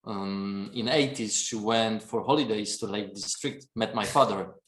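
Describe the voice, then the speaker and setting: A man's voice: on the low side, a little slow, fairly bright tone, reverberant. A man from Poland with a Polish accent, a podcast guest telling family stories in casual chat, laughing often and filling with "and then" and "you know".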